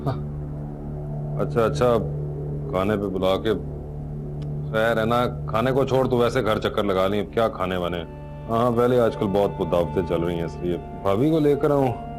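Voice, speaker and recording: A man's voice: on the low side, normal speed, pauses often, close to an everyday voice. An actor playing an evasive, irritable young husband with a Pakistani Urdu accent who brushes off his friends, over background music.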